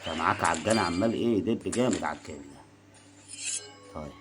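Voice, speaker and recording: Deep-voiced Egyptian gamer over game music. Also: male voice, fast talker. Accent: Egyptian Arabic. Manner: chatty, coaxing, teasing the opponent, bursts of excitement. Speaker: gaming video host. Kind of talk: casual gameplay commentary.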